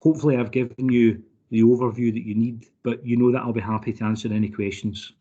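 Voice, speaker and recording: A man's voice: medium pitch, steady tone, fast, mellow, breathy edge. A man, a solicitor making a formal, persuasive submission to a licensing committee over a remote video call. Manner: persuasive, courteous, keeps addressing the panel formally. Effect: remote video call audio. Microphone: computer mic on a video call. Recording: dull lo-fi online call audio.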